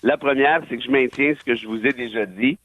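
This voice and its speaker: Speaking fairly quickly in a medium pitch, a man with a Québécois French accent offers forceful, opinionated commentary on the radio, dropping wry asides along the way. He's a political and legal commentator, heard on a tinny phone line that is dry and echo-free.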